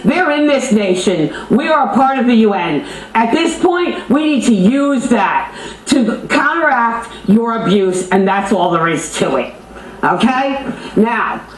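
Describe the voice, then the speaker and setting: A loud woman with a fairly high voice, an activist video host and fundraiser, makes an impassioned, unscripted appeal straight to viewers, emphatic, indignant, and folksy. Filmed in a motel room on a small video camera, the homemade audio is echoey with a little hiss or hum and background music.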